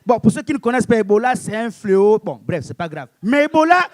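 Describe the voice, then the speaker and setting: A man doing a stand-up comedy set on a club stage, loud and punchy, calling out to the audience. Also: sits high, big pitch swings, quick pace, dry recording. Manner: loud, punchy, shouted audience call-outs.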